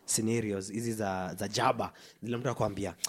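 A man with a husky voice and a Kenyan accent talks casually and emphatically, mixing English with Swahili slang and often restarting and repeating himself. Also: fairly low pitch, steady tone, fast. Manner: emphatic, stop-start delivery with repetition. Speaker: podcast co-host.

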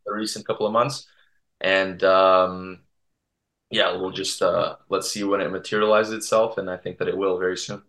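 A young man with a very low, bright, forceful voice, talking earnestly in a casual podcast interview. He restarts his sentences often as he works through his answers. The sound carries a roomy echo. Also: level tone. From Toronto, Canada. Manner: earnest, halting, many restarts. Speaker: guest from a Serbian community TV channel.

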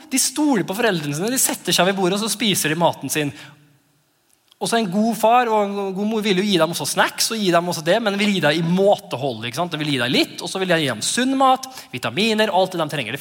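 A lively male pastor in his thirties preaches in a high, swooping voice that rises and falls constantly. He laughs often and slips into playful voices for his children. His words ring out with a long church-hall reverb. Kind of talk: sermon.

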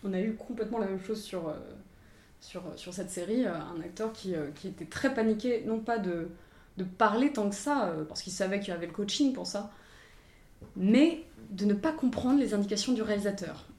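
A woman's voice: medium pitch, moderate pace, warm tone. A young woman in her twenties working as a language coach for actors, answering interview questions with many fillers and restarts. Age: 20s. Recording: roomy echoey sound.

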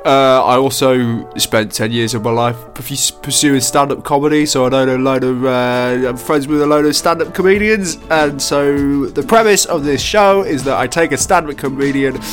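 A man's voice: medium pitch, normal speed, hardly any pauses, soft background music. A man hosting a podcast in casual chat, rambling and self-mocking with lots of fillers. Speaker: podcast host.

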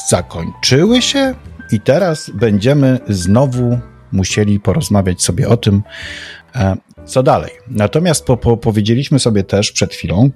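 A man is hosting a casual talk podcast in a put-on, lowered voice that sits low and close. The sound is dry and closely miked, with faint music underneath. He talks in long, winding sentences full of hesitations. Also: a little mellow, no room sound. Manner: wordy, with frequent hesitations. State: speaking in a deliberately changed, lowered voice. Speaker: podcast host.

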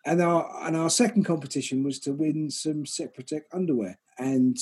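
A man's voice: a little high, normal speed, warm tone, slightly rough. A man hosting a comedic podcast with friends, slipping into a mock radio-presenter delivery, often stumbling and repeating words. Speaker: podcast host.

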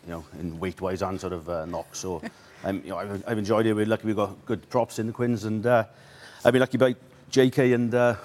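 A man from Wales, a studio guest, answering haltingly with many fillers. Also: on the low side, fairly even intonation, darkish tone. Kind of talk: casual interview answers.

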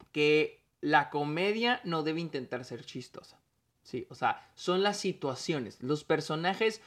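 A man with a Mexican accent gives a casual, rambling solo film review, full of restarts and dropped-in English words. His voice is on the high side.

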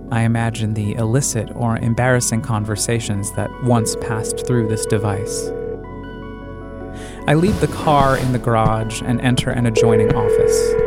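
Over background music, a medium-pitched American man delivers a scripted personal essay in the first person, sounding contemplative and deliberate.

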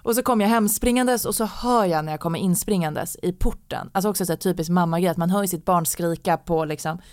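A woman in casual podcast chat, telling a story in a lively, animated way with many fillers. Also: fairly low pitch, no room sound, clean studio sound. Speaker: guest telling her story.

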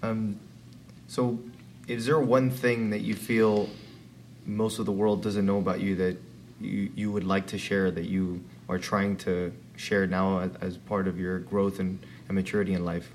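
A man's voice: low voice, little pitch movement, unhurried, a little mellow, slight background noise. A man asking questions in a casual, easygoing interview.

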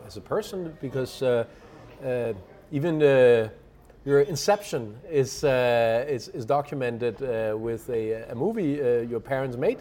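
A man's voice: mid-range voice, lively intonation, measured pace, mellow. A man hosting an interview over lunch, hesitant, with many uhs and repeated words. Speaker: podcast host.

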